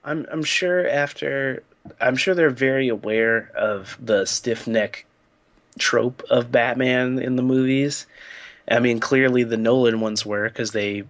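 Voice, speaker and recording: A man's voice: medium pitch, measured pace, no echo. A man co-hosting a podcast, chatting casually and rambling with lots of fillers. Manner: relaxed, rambling, lots of "like" and "you know". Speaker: podcast co-host.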